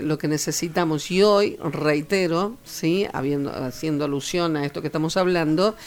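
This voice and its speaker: Fervent Argentine church radio co-host. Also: mid-range voice. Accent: Argentine Spanish. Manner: fervent, reads scripture slowly and gives church announcements. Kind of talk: devotional talk with announcements.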